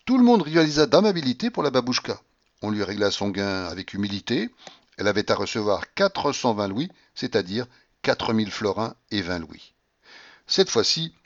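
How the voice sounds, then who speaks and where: A man narrating a classic novel aloud in an expressive, dramatic manner. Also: lowish voice, normal speed, no room sound, muffled recording. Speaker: audiobook reader. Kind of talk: literary narration read aloud.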